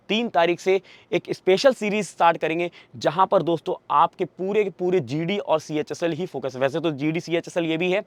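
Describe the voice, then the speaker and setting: Guy quizzing students live, kinda high voice, dry close mic, keeps repeating answers. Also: dry recording. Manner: asks quick questions, repeats answers, addresses viewers as friends; reads English questions slowly, then translates them. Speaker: exam prep teacher. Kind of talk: live quiz class.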